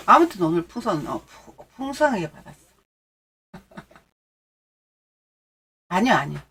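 A woman's voice: on the low side, a bit bright, husky. Chatty middle-aged woman streaming to viewers. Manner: chatty and teasing, answers viewers' donations and chat messages. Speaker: stock-trading livestream host. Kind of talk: casual livestream chat.

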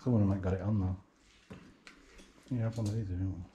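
A man with a Yorkshire accent chatting excitedly while exploring a derelict factory, recorded on a body-worn camera. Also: fairly low pitch, fast, dull audio, slight background noise. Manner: excited, swears casually. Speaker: urban explorer. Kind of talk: casual chat while exploring. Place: indoors, derelict factory buildings.

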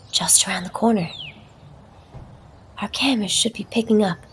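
Woman, slow and breathy, whispered mock-documentary narrator, deadly solemn. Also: fairly high pitch. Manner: hushed, often whispering, solemn and dramatic.

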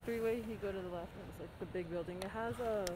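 A young woman college student chatting casually outdoors, soft-spoken as she gives directions. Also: medium pitch, fast, background noise. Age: young adult. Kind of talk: casual conversation.

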